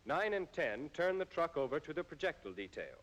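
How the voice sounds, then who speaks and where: In the style of an old military training film, an American man reads scripted instructional narration in a formal, measured manner. His voice is a little high and fairly bright, and he delivers it in a very animated way.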